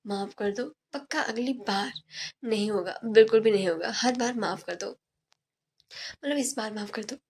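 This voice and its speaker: A woman's voice: a little high, unhurried, breathy edge. A woman voicing a coaxing young fiancé. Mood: pleading. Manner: coaxing, apologetic. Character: young man, pleading, playful fiancé.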